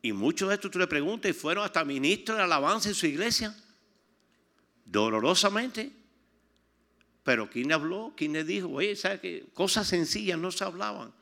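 A man's voice: high voice, moderate pace, creaky. An older man from Cuba with a Cuban accent, preaching a testimony and telling stories animatedly, acting out the people in them. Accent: Cuban Spanish. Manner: animated storytelling, acts out quoted people. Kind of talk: sermon testimony.

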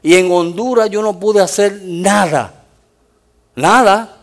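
A male pastor delivers a sermon at a church, telling his stories in a lively, animated way. His voice sits high for a man, and he keeps punctuating his points with amens. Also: slow pace. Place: church in the United States.

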